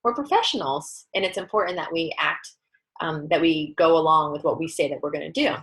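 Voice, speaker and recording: A woman giving a casual, upbeat training talk, chatty and lively, often breaking into quoted dialogue. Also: a little fast, low-quality recording. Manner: lively, upbeat, acts out quoted dialogue with sudden high pitch jumps. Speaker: network marketing trainer.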